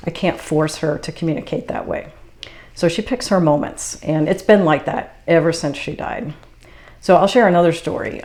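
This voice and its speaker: A woman from the Boston area, USA, with a notably low voice hosts her own video as a spiritual channeler. She talks calmly and without hurry in a casual explanatory monologue, as if chatting to viewers about her own experiences.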